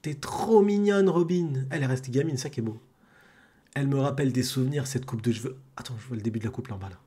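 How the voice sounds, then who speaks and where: Man, streamer reacting to a manga, husky voice, slangy and jokey. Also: medium pitch, steady tone, racing, a little mellow. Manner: slangy, joking, laughs often. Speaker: streamer reading a manga chapter. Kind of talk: casual live reading and reaction.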